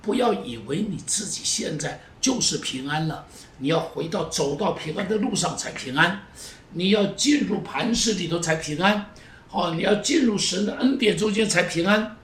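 A male pastor preaching a sermon in an emphatic way, repeating phrases and moving between loud urging and hushed pleading. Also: high-pitched, animated, normal speed. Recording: roomy echo, voice from a distance, faint noise.

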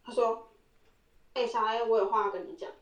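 Animated woman telling a story. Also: fairly high pitch, brisk, distant mic. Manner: animated, laughing often, acting out quoted lines. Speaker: podcast co-host. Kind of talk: casual storytelling chat. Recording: roomy echo, voice set back from the mic.

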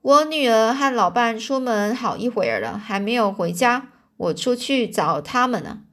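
A woman's voice: on the high side, normal speed. A woman voicing a skeleton demon pretending to be a kindly old man in a children's storybook reading. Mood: feigning. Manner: falsely calm, play-acting.

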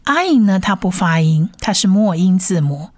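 A woman's voice: fairly low pitch, expressive, normal speed, no room sound, studio quality. A woman teaching a Bible Hebrew reading lesson, patiently spelling out letters and repeating each sound several times. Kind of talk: slow step-by-step reading lesson.

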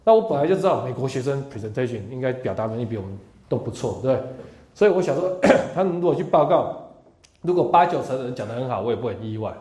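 A middle-aged man lectures a class at a quick clip, his tone mellow and dark. He keeps things chatty, tagging lines with little "哦" sounds and asking the room rhetorical questions. The sound is echoey, as in a lecture hall. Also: mid-range voice. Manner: chatty, peppers speech with "哦" tags and rhetorical questions; animated, acts out quoted remarks. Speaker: university lecturer.

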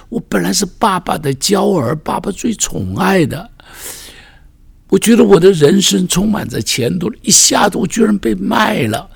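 A man's voice: high voice, pitched above the performer's own voice, full character voice. A man voicing a desperate young man sold by his brothers, pleading in shaky, half-whispered cries. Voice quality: gravelly, husky.

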